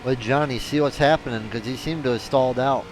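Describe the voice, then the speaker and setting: A man giving live race commentary in a chatty, excitable way that turns analytical. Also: mid-range voice, fairly quick, noisy background. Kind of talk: live sim racing commentary.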